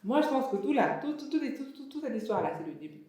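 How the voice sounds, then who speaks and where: A woman's voice: sits high, big pitch swings, fast, warm tone. A young woman from Senegal and Benin, a fashion entrepreneur, talking frankly and animatedly as a guest in a studio interview, with many hesitations. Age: young adult. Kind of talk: casual interview talk. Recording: very echoey room, distant mic.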